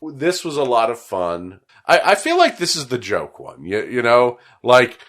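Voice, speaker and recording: A man's voice: medium pitch, huge pitch swings, measured pace, fairly bright tone. A man co-hosting a casual podcast, sounding stuffed up and nasal from a cold, chatty and upbeat. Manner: chatty and upbeat, laughs easily. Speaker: podcast co-host. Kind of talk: casual chat.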